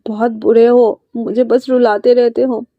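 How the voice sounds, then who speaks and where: A woman's voice: fairly high pitch, little pitch movement, a little slow, no room sound. A woman voicing an emotional, clingy teenage boy who sounds tearful and whiny, in a dry, slightly muffled recording. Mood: pouty.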